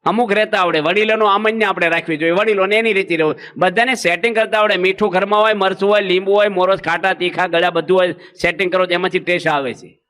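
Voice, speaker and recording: Bright-voiced monk preaching with humor. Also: male voice, sits high, steady tone, quick pace, clear, resonant tone. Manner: folksy, acts out village anecdotes with quoted voices. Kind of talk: humorous sermon.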